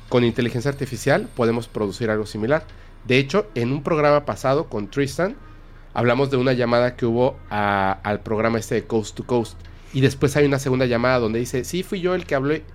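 A man's voice: mid-range voice, brisk. Man telling a story animatedly. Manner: animated, acts out quotes. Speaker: podcast host. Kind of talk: casual storytelling chat.

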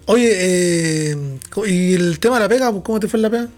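A man's voice: high voice, normal speed, a little mellow. A young man with a Chilean Spanish accent, co-hosting a casual podcast and chiming in with short slangy quips and laughs. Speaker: podcast co-host. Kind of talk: casual chat.

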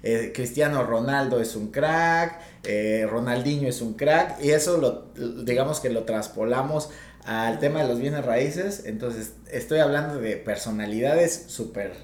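A podcast host welcoming and introducing a guest in relaxed, slangy Spanish. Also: medium pitch, measured pace, roomy sound. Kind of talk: casual interview chat.

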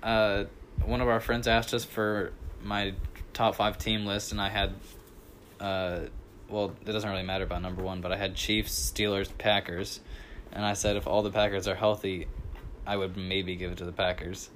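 A man's voice: on the low side, flat delivery, fairly bright tone, a little hiss or hum. A young man co-hosting a casual podcast, chatting about football and laughing often. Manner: laughs often, quick interjections. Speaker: podcast co-host.

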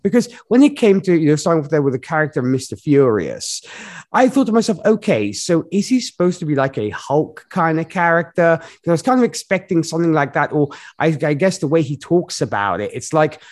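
A man co-hosting a casual movie review podcast, talking in a rambling, animated way with many fillers and laughs. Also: on the high side, brisk. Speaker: podcast co-host.

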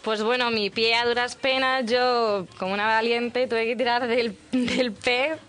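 A woman chatting on a radio show, telling a travel mishap in a lively way with many fillers. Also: fairly high pitch, unhurried. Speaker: guest storyteller. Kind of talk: casual radio chat. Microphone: radio studio mic.

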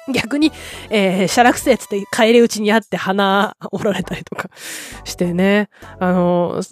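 A woman's voice: mid-range voice, a little mellow. A woman hosting a podcast, chatting casually and enthusiastically about films and acting out quoted lines. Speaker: podcast host. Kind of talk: casual film chat.

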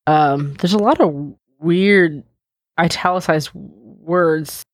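A woman's voice: fairly low pitch, slow pace, no echo, clean studio sound. A woman co-hosting a podcast, chatting casually, swearing freely and reading aloud with dramatic flair. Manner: animated, swearing, giggly, reads aloud dramatically. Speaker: podcast co-host. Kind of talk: casual chat.

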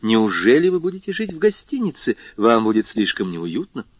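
A man voicing a lively, teasing young viscount in an audiobook, with a high, exclamatory delivery. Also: normal speed, dry recording. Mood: excitable. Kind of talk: audiobook character voice. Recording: slightly muffled lo-fi recording.

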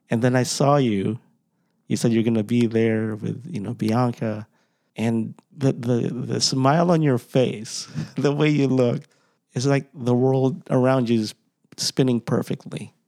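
Guy host, gravelly mellow voice, gentle encouraging questions, dry sound. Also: medium pitch, fairly even intonation, slow pace, no room sound. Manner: encouraging, gentle follow-ups. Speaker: interviewer. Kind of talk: supportive interview questions.

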